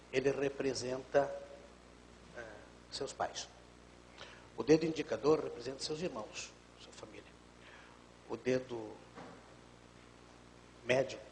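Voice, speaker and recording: A man in his fifties, a pastor, explaining calmly on a live TV talk show. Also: medium pitch, in a large hall, a little hiss or hum, poor audio.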